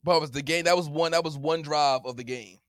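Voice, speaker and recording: A man's voice: a little high, brisk, no room sound, studio quality. A man co-hosting a podcast, debating football in a casual, teasing way and laughing often. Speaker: podcast co-host.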